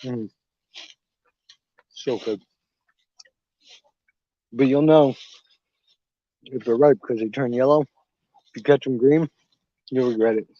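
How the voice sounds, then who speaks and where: A man's voice: medium pitch, takes it slowly, pauses often, no room sound. A man in his thirties, host of a gardening channel, chatting casually on a phone live stream as he walks around his garden. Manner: relaxed, rambling, chews fruit while talking. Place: outdoors in a home garden. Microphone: phone held in hand. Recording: dull lo-fi phone audio, dry.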